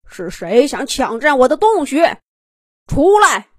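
A woman voicing an angry, territorial male brown bear who shouts and roars. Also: sits high, big pitch swings, takes it slowly, no room sound, clean studio sound, pitched above the performer's own voice, exaggerated voice. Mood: roaring angry. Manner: roaring, shouting commands.

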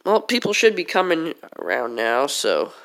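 A woman's voice: deep voice, very animated, moderate pace, pitched below the performer's own voice, rough recording. A woman voicing a weary young male party host in an improvised story, hesitant and muttering, patient but exasperated. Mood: evasive, awkward.

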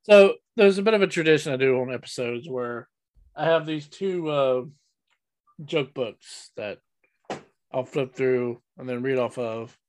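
A man hosting a casual podcast, playfully reading knock-knock jokes in a deadpan way. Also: medium pitch, measured pace, no room sound. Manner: playful, deadpan joke delivery with groans. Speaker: podcast host.

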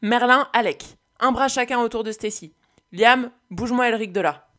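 A woman's voice: fairly high pitch, moderate pace, fairly bright tone, close to an everyday voice. A woman reading aloud and voicing a stern young woman who gives curt orders. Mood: commanding. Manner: curt, orders given firmly.

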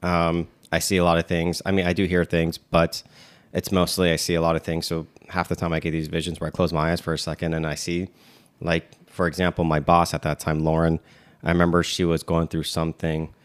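A man's voice: low-pitched, completely flat delivery, brisk. A man in his thirties co-hosting a casual chat, rambling with many fillers and restarts. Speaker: podcast co-host.

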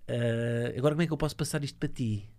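Fast-talking man, European Portuguese podcast host. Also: medium pitch, darkish tone. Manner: informal, teasing. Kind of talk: casual joking interview chat.

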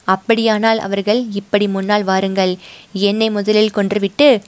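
A woman voicing a fierce, loyal boatman's wife who shouts in shrill, impassioned bursts. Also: little pitch movement, moderate pace, no echo, close to an everyday voice. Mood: rousing. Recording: dry close recording.

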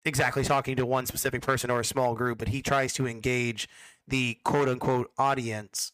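A man's voice: mid-range voice, little pitch movement, normal speed, fairly bright tone, clear, resonant tone, dry recording. A man who casts esports games, answering interview questions casually and hesitantly, often repeating words as he starts a thought. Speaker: amateur esports caster.

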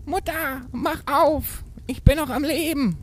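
A man voicing a tiny, eager young goat kid in a storybook, with a piping high squeak. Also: measured pace. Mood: pleading.

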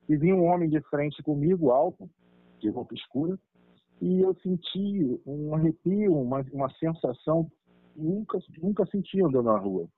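A middle-aged man tells a personal spiritual story, lively, chuckling and acting out the dialogue. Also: on the high side, normal speed, no echo. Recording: tinny dry phone-like line.

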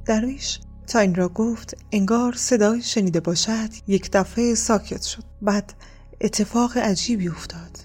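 A woman narrating an audiobook in a soft, hushed reading voice. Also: mid-range voice, faint music behind.

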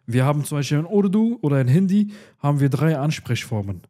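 Lively young man, mellow voice. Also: a little high, brisk. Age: 20s. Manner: lively, animated storytelling with slangy asides. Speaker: podcast co-host. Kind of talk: casual chat.

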